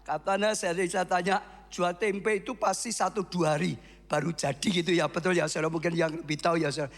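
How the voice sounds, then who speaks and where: A man preaching a sermon as pastor, swinging from quiet asides to shouted exhortation. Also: high-pitched, steady tone, brisk, big-room sound.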